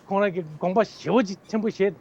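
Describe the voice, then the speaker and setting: A man's voice: high-pitched, fairly even intonation, normal speed, vocal fry, darkish tone, highs cut off. A man who is a political candidate, giving long, earnest answers as an interview guest. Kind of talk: answering interview questions at length.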